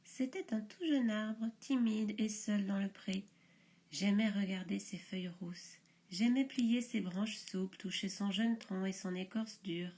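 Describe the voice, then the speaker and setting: A woman reading a picture book aloud to young children, expressive and soft in places. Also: mid-range voice, measured pace.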